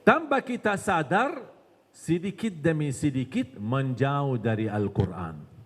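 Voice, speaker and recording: A man's voice: fairly high pitch, takes it slowly. A man from Medina giving a religious lecture, telling stories and acting out their dialogue. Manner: animated storytelling, acts out dialogue. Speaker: preacher. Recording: long hall reverb.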